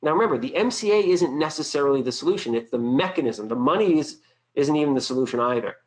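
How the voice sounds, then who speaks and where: A man's voice: on the high side, animated, fast talker, poor audio. A man in his forties from Boston gives a sales training webinar in a casual, chatty way, often checking in with the listener. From Boston, USA. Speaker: webinar presenter.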